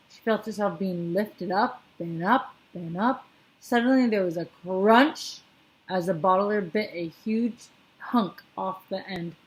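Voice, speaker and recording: A woman reads a children's book aloud at an even, middle pitch. Her telling is steady and plain, now and then catching a slip and fixing it. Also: poor audio. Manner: steady reading with small slips. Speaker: storyteller.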